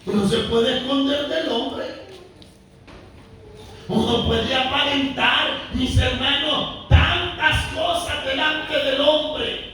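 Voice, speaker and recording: A man delivers a sermon in a very high voice, stretching his phrases slowly and climbing to shouts for emphasis. He is picked up from a distance in a church hall with heavy echo and a faint noise underneath. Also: steady tone. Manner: impassioned, rising to shouts, drawn-out emphatic phrases. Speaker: preacher. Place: church sanctuary.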